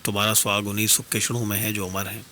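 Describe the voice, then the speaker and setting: A man performing dastangoi, voicing a calm, detached wandering stranger who consoles the queen with measured, philosophical words. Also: fairly low pitch, slight background noise. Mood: consoling. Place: radio studio.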